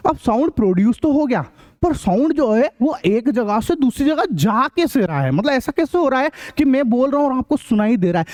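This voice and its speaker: High-voiced playful young male teacher. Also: a little mellow. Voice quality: playful, imitates sounds and voices. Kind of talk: lively classroom lecture with jokes and sound effects.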